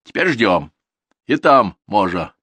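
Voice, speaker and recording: A man's voice: on the low side, big pitch swings, takes it slowly, fairly bright tone, slightly rough, no room sound, full character voice. A man voicing a sly, worldly-wise old peasant who lectures in folksy rural dialect. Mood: grumbling.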